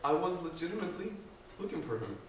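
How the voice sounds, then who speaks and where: A fast-talking young Guatemalan man with a higher voice and big pitch swings shares his personal faith testimony as a student, earnest and hesitant, with many fillers and restarts. He was recorded from far off without a mic in a large, echoey room before an audience, with slight background noise.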